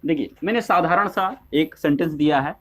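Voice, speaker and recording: In a grammar lesson delivered classroom-style, a male English teacher asks questions and then answers them himself, frequently saying "ठीक है?" to make sure students are keeping up. His voice is on the high side and fairly bright, at a moderate pace.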